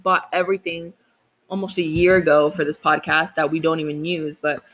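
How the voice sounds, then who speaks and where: A woman's voice: sits low, level tone, fairly quick, a bit bright, rough recording. A young woman co-hosting a casual podcast, chatty and self-deprecating, swearing freely. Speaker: podcast co-host.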